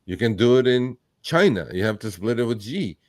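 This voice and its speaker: A man born in Turkey, hosting a live chat, talking bluntly and with profanity, telling animated stories. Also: medium pitch, a little fast, no room sound. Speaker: host. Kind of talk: casual livestream chat.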